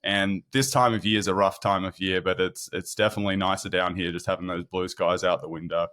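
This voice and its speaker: His voice is low and fairly bright, with fairly even intonation and a fairly quick pace. The speaker, an Australian product marketing manager in his thirties, guests on a casual podcast and chats warmly, often repeating words as he begins an idea.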